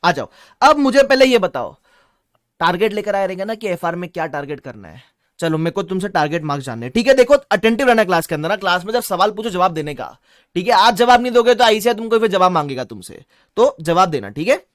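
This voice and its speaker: A man with a Mumbai accent teaching a live online class, energetic, mixing Hindi and English and reading viewer chat aloud. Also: high-pitched, fast talker, no room sound, studio quality. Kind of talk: live-streamed online lecture.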